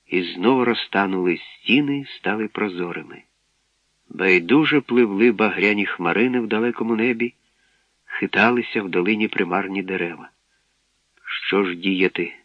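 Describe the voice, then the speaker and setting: A man with a low voice reads a science-fiction story aloud at a steady storyteller's pace. The recording is dry and dull, with a lo-fi sound. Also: no room sound. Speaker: audiobook narrator. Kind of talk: scripted story narration.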